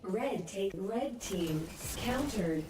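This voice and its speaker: A woman voicing a calm, impersonal female game announcer, giving short clipped callouts. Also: medium pitch, extremely slow, music in the background. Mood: flat callouts. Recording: echoey game audio, heard from afar.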